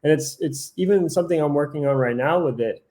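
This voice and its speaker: A man's voice: fairly high pitch, fairly quick, dark tone. A man co-hosting a podcast in casual chat, rambling with lots of "like" and self-corrections, acting out his own thoughts in quoted asides. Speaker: podcast co-host.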